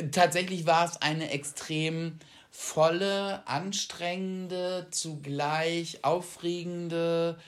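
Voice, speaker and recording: A man co-hosting a relaxed chat podcast. He tells stories with energy, getting loud one moment and quiet the next, and often pokes fun at himself. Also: on the high side, very slow, long pauses. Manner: animated storytelling, jumps between loud and quiet; self-deprecating. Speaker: podcast co-host. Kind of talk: casual chat.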